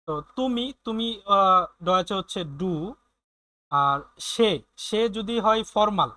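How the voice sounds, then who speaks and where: A man teaching German in an online class, explaining slowly with many fillers and often checking in with his students. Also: high-pitched, animated, sharp tone, clean tone, no echo.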